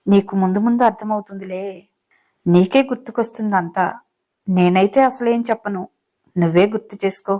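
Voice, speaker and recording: A doting young husband from a romance audiobook, rich and teasing, who coaxes his bride with tender, playful words, as a woman narrator reads his lines. His voice sits at an ordinary middle pitch, close to everyday speech. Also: dark tone, lightly acted. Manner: affectionate, playful coaxing. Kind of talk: audiobook character reading.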